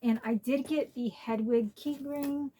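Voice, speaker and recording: A woman's voice: fairly high pitch, steady tone, a little slow, mellow, slightly rough. A woman vlogging a casual haul in a chatty, rambling, heartfelt way.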